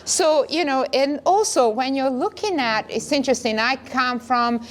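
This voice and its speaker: Earnest middle-aged lady, a bit high voice, rambles on in long phrases. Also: normal speed. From northern Italy. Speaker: wellness co-host. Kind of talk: casual conversation.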